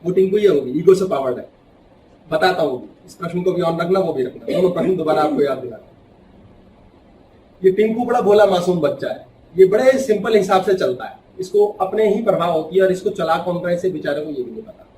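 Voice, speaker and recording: A male spiritual speaker addresses a live audience in an echoey hall, his voice caught from some distance off the mic. His slightly high voice swings between loud outbursts and near-whispers as he acts out little quoted characters. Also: expressive, a little fast, a little hiss or hum.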